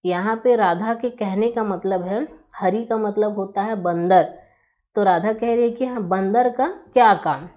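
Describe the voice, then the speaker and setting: A woman teacher talks through a grammar lesson in a patient, explanatory way, often pausing to pose questions to her students. Her voice sits in an ordinary middle pitch. The recording sounds a bit dull and lo-fi. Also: mellow.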